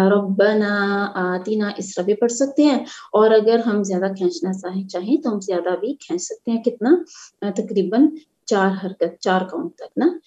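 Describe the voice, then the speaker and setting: A woman teaching recitation in an online class, speaking slowly and patiently, repeating syllables and asking her students questions. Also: mid-range voice, dark tone, dull audio. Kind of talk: online tajweed lesson.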